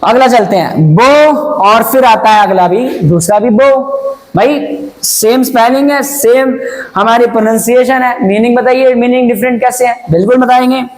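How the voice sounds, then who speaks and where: A man's voice: very high voice, moderate pace, rough recording. A man teaching English grammar in Hindi, mixing in English phrases and spelling words out letter by letter. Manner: explains patiently, asks and answers own questions, says "bhai". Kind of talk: Hinglish classroom lesson.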